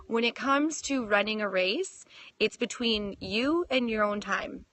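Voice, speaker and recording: A woman's voice: mid-range voice, sharp tone. A woman in her thirties from Canada, hosting a casual fitness livestream, reading viewer comments and laughing often. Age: 30s. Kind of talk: casual live Q&A. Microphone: phone.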